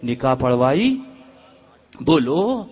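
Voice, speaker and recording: A man's voice: medium pitch, sing-song, a little mellow. Middle-aged male preacher from India, mid-range voice, fiery sermon full of stories and mocking acted-out dialogue. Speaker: religious preacher. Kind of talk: fiery religious speech with storytelling.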